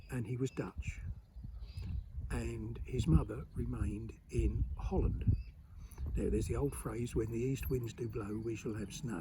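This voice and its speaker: A man's voice: mid-range voice, heavy background noise. A man with an East Anglian Suffolk accent giving an informal, emphatic explanatory talk on dialect as a colloquial expert.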